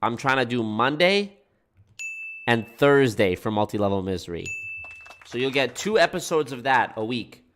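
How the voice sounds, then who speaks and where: Chatting with livestream viewers, a man sounds congested from a blocked nose as he talks informally, swearing and saying "y'all." His medium-pitched, fairly bright voice has lively intonation at a moderate pace.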